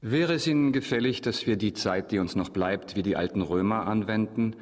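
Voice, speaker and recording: An actor playing a grave, courteous, mysterious count in a German radio drama, speaking formally and with measured solemnity. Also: male voice, lowish voice, no echo, studio quality, lightly acted. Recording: music behind the voice.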